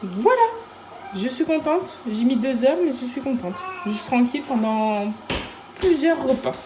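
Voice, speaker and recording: Chatty young mum in an echoey kitchen. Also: female voice, sits high, animated, measured pace. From France. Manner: chatty, laughing, hesitant fillers. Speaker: vlogger mother. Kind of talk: casual family vlog. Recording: echoey room, faint noise.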